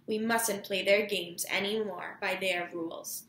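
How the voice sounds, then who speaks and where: A woman's voice: mid-range voice, fairly even intonation, a little slow, fairly bright tone, echoey room, slight background noise, lightly acted. A woman reading aloud the lines of a principled father who speaks his mind fervently. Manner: fervent, outspoken. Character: passionate, principled grown man, a father.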